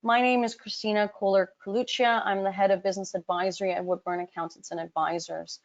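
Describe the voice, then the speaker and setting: A woman from Hong Kong presents a live business webinar at a medium pitch for a woman, talking straight to her audience in a chatty way. Her sentences are full of ums and small restarts. The sound is dull and lo-fi, like a computer mic on a web call. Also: level tone, brisk. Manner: chatty, direct, addresses the audience often, frequent ums. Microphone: computer mic on a web call, camera off.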